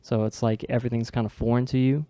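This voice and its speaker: A young man hosting a podcast, chatting fast and loosely with lots of casual filler. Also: medium pitch, flat delivery, mellow, dry recording. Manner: fast, chatty, loose with many likes and dudes. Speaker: podcast host.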